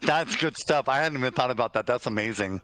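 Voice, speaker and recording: A man's voice: medium pitch, fast talker. Brief: male co-host, reflective and agreeable, faint background hiss. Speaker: podcast co-host. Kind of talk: casual movie discussion.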